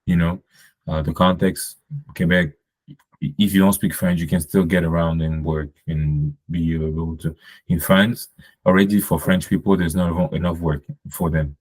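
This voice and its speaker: A man's voice: deep voice, level tone, normal speed, husky. A man from Cameroon, a podcast guest, talking casually and rambling with many fillers and restarts. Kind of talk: casual conversation.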